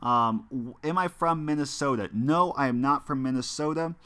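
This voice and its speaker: Chatting with viewers as he plays a mobile football game, a young man from the United States rambles, restarts, and leans on fillers. He speaks at a normal speed in a medium-pitched voice that is bright, forceful, and smooth.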